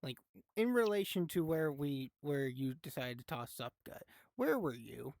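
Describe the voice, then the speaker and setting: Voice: medium pitch, sing-song, measured pace, a little mellow, dry recording, studio quality. A game master running a live tabletop horror game in a laid-back, chatty way, laughing and swearing now and then.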